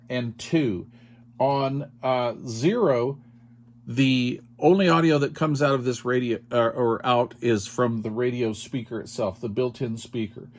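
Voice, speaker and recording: Walking the listener through each step like a tutorial, this man demonstrates a radio product in a casual, explanatory way, punctuating it with "all right" and "okay." He has a mid-range, darkish voice, and there's slight background noise.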